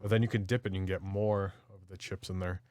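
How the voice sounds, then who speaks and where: A man's voice: low voice, little pitch movement, fast, mellow, no echo, clean studio sound. A man co-hosting a podcast, chatting casually and describing things with enthusiasm. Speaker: podcast co-host. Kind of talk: casual chat.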